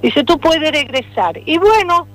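A woman from Rome with an Italian accent speaks Spanish as a non-native speaker, a playwright and poet giving a radio interview while pausing often to search for words. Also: high voice, expressive, a bit bright. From Italy, Rome. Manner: hesitant, searching for words with many fillers.

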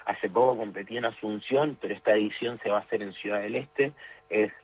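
A man's voice: lowish voice, fairly quick, slightly rough, muffled recording. A young man with an Argentine accent, answering interview questions about his sport, hesitant with many fillers and restarts. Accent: Argentine Spanish. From Tierra del Fuego, Argentina. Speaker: jiu-jitsu competitor.

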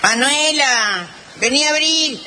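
A woman's voice: sits high, animated, slow, background noise. A woman playing a bossy, scheming middle-aged mother in a theatrical comedy, exclaiming, scolding and wheedling with a Rioplatense Argentine accent. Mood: exasperated. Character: bossy, scheming, exasperated mother of grown daughters.

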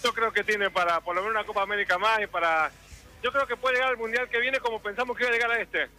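A man's voice: high-pitched, steady tone, fast, sharp tone, soft background music. A man interviewed in the street as a fan, speaking emphatically and proudly.

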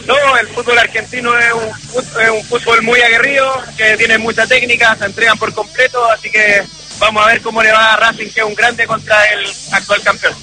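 A man's voice: sits high, little pitch movement, brisk, pushed and bright, faint music behind, poor audio. A man from Chile interviewed as a football fan, talking in an enthusiastic, effusive way.

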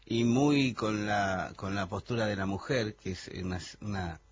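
A hoarse man from Buenos Aires with an Argentine Spanish accent, presenting music on a radio chat and explaining eagerly. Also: on the low side, a little slow. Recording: dull lo-fi radio with faint hum.

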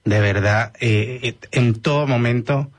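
A man in his thirties with a Venezuelan accent, a doctor speaking as a guest on a radio interview in a measured way with many hesitations. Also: mid-range voice. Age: 30s.

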